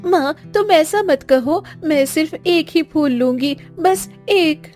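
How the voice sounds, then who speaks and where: A woman's voice: sits high, lively intonation, slow pace, a little mellow. A woman voicing a playful teenage girl who teases her mother, over background music. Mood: pleading. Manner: teasing, cheeky. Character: playful teenage girl, teasing younger sister. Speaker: voice actor. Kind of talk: dubbed cartoon acting.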